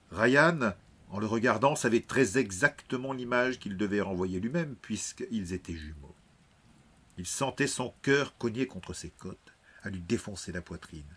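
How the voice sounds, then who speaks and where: Husky low-voiced male narrator. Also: a bit bright. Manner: measured, dramatic storytelling. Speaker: audiobook narrator. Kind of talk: scripted narration.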